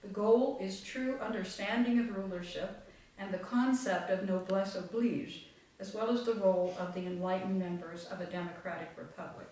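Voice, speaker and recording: A woman's voice: medium pitch, fairly even intonation, normal speed, mellow. A woman leading a full moon meditation group, talking reflectively to a live audience and meandering with many fillers. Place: meeting room with audience. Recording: echoey room, far from mic.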